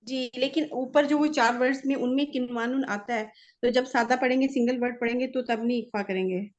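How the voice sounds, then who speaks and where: High-voiced woman student, muffled call audio. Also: steady tone, a little fast. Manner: polite, asks hesitant questions.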